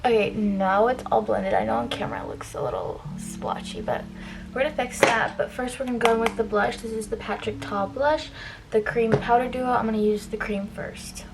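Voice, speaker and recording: Young woman chatting casually, slightly high voice, music behind. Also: expressive, normal speed. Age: young adult. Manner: chatty, informal, frequent "like" and trailing asides. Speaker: beauty vlogger giving college advice. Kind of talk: casual get-ready-with-me chit chat while doing makeup.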